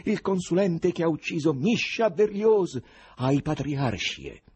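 A man voicing a frantic young male poet who shouts and raves, with a husky voice. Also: low-pitched, normal speed, exaggerated voice. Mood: frantic shouting. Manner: shouting, agitated.

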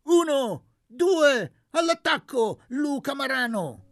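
A man voicing an eccentric, mocking old male landowner in an audiobook, grandiose and given to sudden shouts. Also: a little high, sing-song, a little slow, vocal fry, husky, no echo, clean studio sound, pitched above the performer's own voice, exaggerated voice. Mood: shouting. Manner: grandiose, shifting from teasing to shouting. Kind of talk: audiobook reading.

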